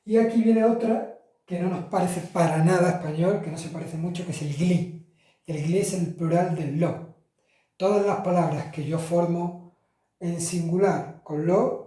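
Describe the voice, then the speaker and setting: Man, Spanish speaker, Italian teacher, chatty, self-correcting, slightly high voice, strong room echo. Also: dark tone. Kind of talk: casual classroom explanation. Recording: roomy echo, from far off the mic.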